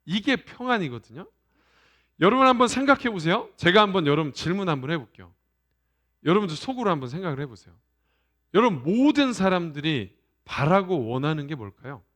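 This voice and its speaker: A male pastor giving a Sunday sermon, animated, asking the congregation questions and trailing off softly at the ends of phrases. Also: fairly high pitch, brisk, pauses often.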